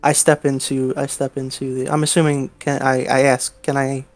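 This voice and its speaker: A man playing a tabletop game, chatting casually as he describes his actions and haltingly thinks out loud. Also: medium pitch, flat delivery, no echo.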